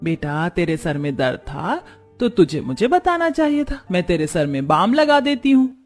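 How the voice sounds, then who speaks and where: A woman's voice: on the low side, very animated, normal speed, darkish tone, soft background music. A woman voicing a kind middle-aged mother-in-law in a cartoon story who speaks in a soothing, motherly way. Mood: tender.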